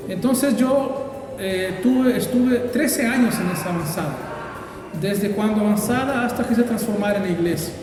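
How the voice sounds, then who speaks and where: A pastor who grew up in Brazil, answering interview questions in a thoughtful, hesitant way with many fillers. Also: male voice, high voice, very echoey, in a large hall, far from the mic, poor audio.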